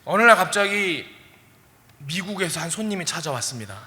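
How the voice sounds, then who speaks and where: A man preaching a sermon as a pastor, telling a story in an animated way and asking the congregation questions. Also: sits high, fairly quick, big-room sound.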